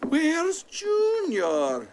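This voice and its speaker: A woman's voice: extremely high pitch, huge pitch swings, extremely slow, background noise, heavily acted. A woman voicing a doting, fussing rock creature mother in a fantasy film, cooing and overwrought. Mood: anxious. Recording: loud music under the voice.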